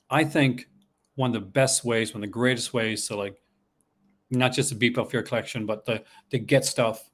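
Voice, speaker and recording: Male host, Newfoundland accent, mid-pitched voice, loose casual livestream delivery, excitable and rambling. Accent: Newfoundland Canadian. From Newfoundland, Canada. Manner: rambling, excitable, chuckles often. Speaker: horror movie collecting channel host.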